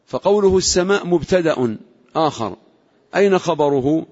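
A man's voice: on the high side, expressive, moderate pace, darkish tone. A man teaching a classroom lesson on Quranic exegesis, explaining carefully and quizzing his students on grammar. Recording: lo-fi recording in a reverberant hall.

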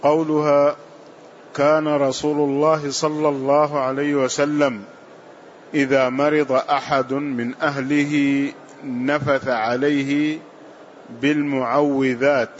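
A man's slightly high voice reads classical religious text in a steady, formal cadence. The recording sounds dull and lo-fi, with a faint hiss underneath. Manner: measured, formal reading with chains of narrators. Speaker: student reading hadith text aloud. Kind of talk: recitation of classical hadith text.

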